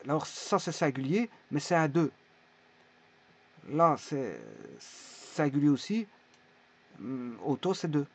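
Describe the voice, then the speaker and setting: A man teaching a language lesson in a casual, halting way, pausing often to think. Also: fairly high pitch, animated. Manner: halting, many fillers and restarts. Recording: dull lo-fi recording.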